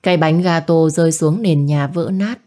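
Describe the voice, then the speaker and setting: Woman, storybook narrator, low and warm, lifts her voice for characters. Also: moderate pace. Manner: voices characters by raising pitch for shouted lines. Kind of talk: scripted narration.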